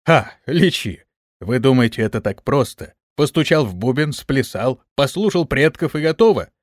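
A man reading an audiobook, voicing a sly, bold young male hero in a brash, lively tone. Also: mid-range voice, normal speed, no echo, clean studio sound, natural voice.

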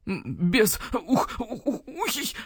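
A woman's voice: low-pitched, fairly quick, husky, no room sound. A woman voicing a nervous, wheezing owl shopkeeper who stammers hoots into his words, in a dry audiobook recording. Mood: flustered. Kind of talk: audiobook character voice.

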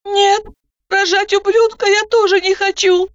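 A woman voicing a frightened young pregnant woman who pleads in a high, panicky voice, on a dull lo-fi recording. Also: little pitch movement, unhurried, no echo, faint music behind. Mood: anxious. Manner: shrill, panicky, lisping out protests.

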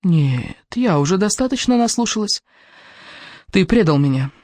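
A man reading the lines of a furious, betrayed young woman in an audiobook, with sharp, clipped retorts. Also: sits high, very animated, normal speed, no echo, voice pushed up. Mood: cold.

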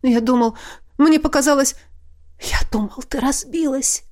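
Earnest soft-spoken dragon guy, a woman reading him, stubborn and gentle, audiobook. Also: high-pitched, measured pace, dry recording, clean studio sound, voice pushed up. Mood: desperate.

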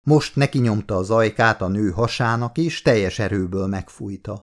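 A man reading a novel aloud as an audiobook narrator, in a measured storytelling manner. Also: fairly low pitch, lively intonation.

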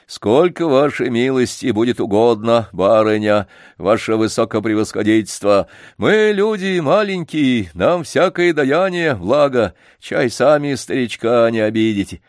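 A man's voice: mid-range voice, expressive, a little slow, few pauses, dry recording, studio quality, lightly acted. A man voicing an old, humble but dignified street organ grinder, deferential and folksy. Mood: obsequious. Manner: deferential, folksy, quietly stubborn. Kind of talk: audiobook character reading.

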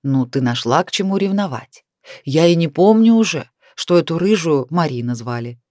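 A woman reading aloud, voicing a calm, gentle middle-aged husband who speaks softly and soothingly. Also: sits low, no room sound, studio quality. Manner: soft, soothing, unhurried.

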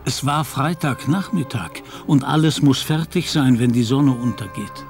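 An actor playing a thoughtful royal scribe who narrates a children's radio play in measured storytelling. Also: male voice, medium pitch, a little mellow, faint music behind, close to an everyday voice.

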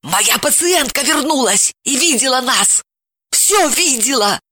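A woman doing a shrill, frantic wife. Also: animated, a little slow, sharp tone, breathy edge, no echo, clean studio sound, exaggerated voice. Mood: furious, shrill. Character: flustered, furious young wife.

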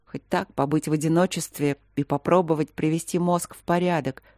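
A woman narrating a fantasy audiobook in measured, expressive storytelling. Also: deep voice, no room sound, clean studio sound. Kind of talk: scripted narration.

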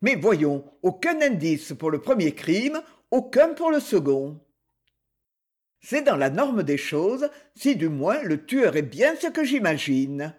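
A man's voice: sits high, sing-song, slow, exaggerated voice. A man doing a cool, amused young detective.

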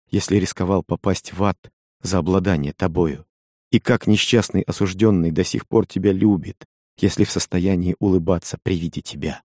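Man doing a sad young husband, low and soft, heavy tender talk. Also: no echo, clean studio sound.

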